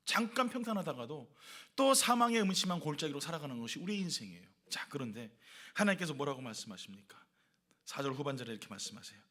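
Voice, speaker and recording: A man's voice: a little high, very animated, fast talker, sharp tone. A man pastor preaching a sermon at a church worship service, emphatic, stacking rhetorical questions and repeated lists.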